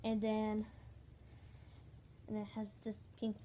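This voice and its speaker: A young girl, the host's friend, showing her purchases in a casual bedroom video, halting and repeating words as she talks. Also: medium pitch, monotone, warm tone, a little hiss or hum. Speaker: guest friend. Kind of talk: casual haul video chat. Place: small bedroom indoors. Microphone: phone camera held nearby.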